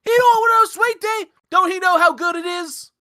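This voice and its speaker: A man voicing an indignant Southern diner owner who shouts in a shrill voice with a Southern US accent. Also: moderate pace, no echo, clean studio sound, exaggerated voice. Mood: incredulous.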